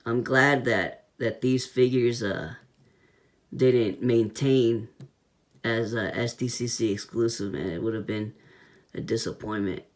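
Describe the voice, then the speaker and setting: A man's voice: mid-range voice, steady tone, unhurried. A man giving a casual hands-on toy review in laid-back, slangy talk, with a whistle on his s sounds.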